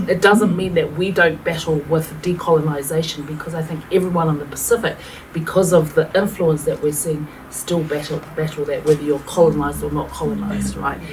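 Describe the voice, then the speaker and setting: A woman from New Zealand with a New Zealand accent, speaking earnestly as a panelist with fillers. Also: sits low. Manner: earnest, reflective, many fillers. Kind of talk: panel discussion talk. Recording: distant mic with faint room noise.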